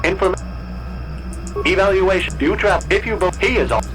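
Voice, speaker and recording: An actor voicing a malfunctioning male computer security system that glitches, cutting off words and repeating "error" in flat, clipped announcements. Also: high voice, moderate pace, over music, close to an everyday voice, poor audio. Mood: glitching. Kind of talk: video game character dialogue.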